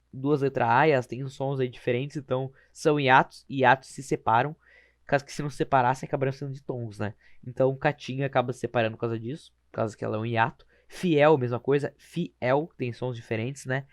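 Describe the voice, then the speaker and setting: A man explaining grammar rules over slides, informal, often slowing to spell words out and correcting himself. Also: mid-range voice, steady tone, dry recording, studio quality. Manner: informal, repeats words slowly, self-correcting. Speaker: teacher.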